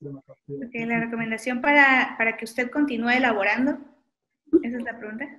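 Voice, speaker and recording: A woman giving a webinar on low vision, talking in a friendly, informal way with many "este" fillers. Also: fairly even intonation, normal speed, fairly bright tone. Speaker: optometrist giving a webinar talk. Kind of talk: webinar lecture with audience questions.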